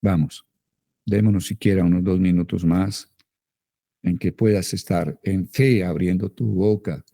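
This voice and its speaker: Colombian male pastor, very deep gravelly voice, fervent led prayer, slow chanting. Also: steady tone, warm tone, no room sound, clean studio sound. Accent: Colombian Spanish. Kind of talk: led prayer and speaking in tongues.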